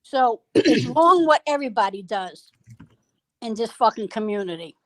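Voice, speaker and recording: A woman's voice: on the high side, lively intonation, moderate pace, a bit bright, dry recording. A woman on an online voice chat panel, blunt and profane as she argues. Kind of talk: casual heated panel talk.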